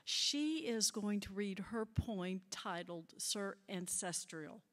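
Slow-speaking woman presenter in echoing hall. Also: mid-range voice, animated, a bit bright. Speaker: presenter introducing a reader. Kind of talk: formal stage introduction. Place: auditorium stage. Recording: echoey hall with long reverb.

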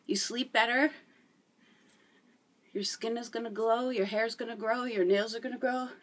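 A woman's voice: on the high side, steady tone, moderate pace, a bit bright. A middle-aged woman demonstrating a home workout, chatty and encouraging and out of breath. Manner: chatty, encouraging, laughs while exercising. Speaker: fitness vlogger. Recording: voice from a distance.

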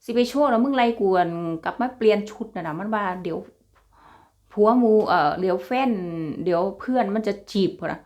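A woman's voice: mid-range voice, a little fast, darkish tone. This is a young woman with a Northeastern Thai Isan accent, chatting in a casual vlog. She talks freely and familiarly, calls her viewers brothers and sisters, and laughs often. Her voice sits in a middle register for a woman. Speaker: vlogger.

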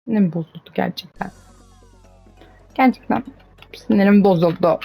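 A woman's voice: mid-range voice, normal speed, gravelly, dull audio, faint music behind. A young woman giving casual commentary on her own gameplay, cheering herself on and getting exasperated. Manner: chatty, self-cheering, exasperated at the game. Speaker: gaming streamer.

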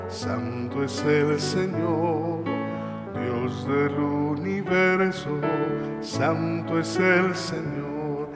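A man singing hymns as the cantor, with slow, drawn-out phrases. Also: a little high. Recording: echoey hall with loud music.

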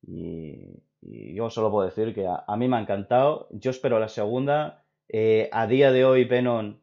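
A young man from Spain with a Spain Spanish accent, hosting a casual opinion chat and rambling excitedly with many restarts. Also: lowish voice, normal speed, vocal fry. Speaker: video host. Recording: dull lo-fi recording.

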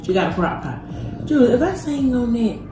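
Lively woman hosting a mukbang. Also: fairly high pitch, normal speed, reverberant, music in the background. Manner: lively, teasing, laughs often. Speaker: channel host. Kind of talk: casual mukbang chat.

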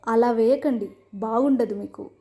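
A woman's voice: a little high, a little slow, warm tone. A woman voicing a proud, defiant young bride in a storybook reading, firm and indignant.

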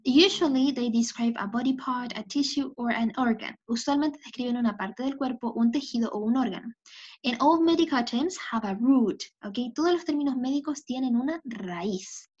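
A woman's voice: on the high side, normal speed, darkish tone, breathy edge. Bilingual woman teacher, lo-fi sound. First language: Spanish. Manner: explains in English then repeats in Spanish, often checks with "¿ok?". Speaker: English teacher. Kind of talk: bilingual recorded lecture. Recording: dull lo-fi lecture audio.

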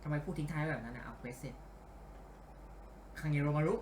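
A man giving casual let's-play commentary, animated and grumbling and cursing at the game as he plays. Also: fairly high pitch, quick pace, echoey room, slight background noise. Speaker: game streamer.

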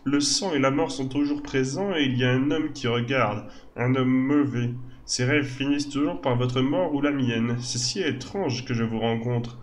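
A man's voice: mid-range voice, normal speed, few pauses, lightly acted. A man voicing an elderly gnome astrologer in a video game, formal, earnest and a little theatrical. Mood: mysterious, earnest.

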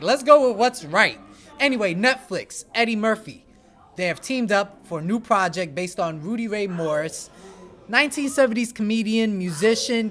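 A man hosting an entertainment news show, talking in an animated, chatty way with playful asides. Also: high-pitched. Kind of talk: energetic entertainment news chat.

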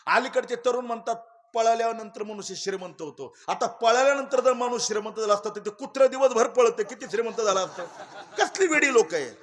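A man preaching a kirtan sermon, telling stories and swinging between loud exclamations and hushed asides. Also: extremely high pitch. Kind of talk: Marathi kirtan sermon with storytelling.

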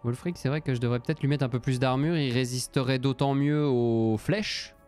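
A man's voice: medium pitch, fairly even intonation, moderate pace, darkish tone, faint music behind. Chatty streamer man. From Belgium. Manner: chatty, thinking aloud, thanking viewers. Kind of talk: casual live game commentary.

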